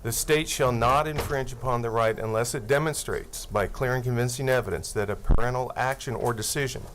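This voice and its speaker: A man in his sixties, an attorney, methodically testifies before a legislative committee from a table microphone, earnestly reading legal text aloud in formal testimony. He sounds brisk and a bit bright at medium pitch, with a little hiss or hum in the background.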